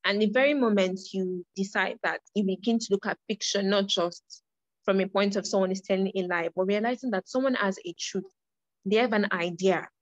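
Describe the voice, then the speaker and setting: A woman's voice: medium pitch, no echo, lo-fi sound. Earnest woman teaching a writing workshop. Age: young adult. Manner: earnest, repeats and restarts phrases. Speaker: creative writing workshop facilitator.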